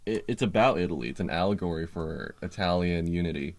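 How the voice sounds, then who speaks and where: Playful, lower-voiced male co-host. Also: fairly quick, a little mellow. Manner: playful, laughs often, goofy asides. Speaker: co-host and singer-songwriter. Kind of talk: casual chat.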